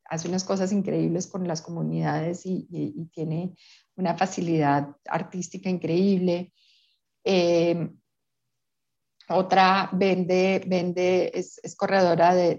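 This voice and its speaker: A woman who grew up in Peru answers an interviewer reflectively, often pausing and restarting her thoughts. Her voice has a gravelly fry, and the recording sounds dull and lo-fi. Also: mid-range voice, a little mellow. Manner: hesitant, many restarts and fillers. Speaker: interview guest.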